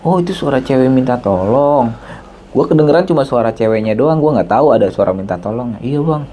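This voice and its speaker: A man speaking, casually telling a story on a podcast and acting out the dialogue with a jump in pitch. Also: brisk, a little hiss or hum. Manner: animated, acts out dialogue with raised pitch.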